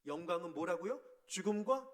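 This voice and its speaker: Male pastor preaching, high voice, swings all over the place, asks the crowd stuff a lot. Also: moderate pace. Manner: animated, acts out quoted voices with sudden shouts; drops to a soft near-murmur on key words. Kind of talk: sermon.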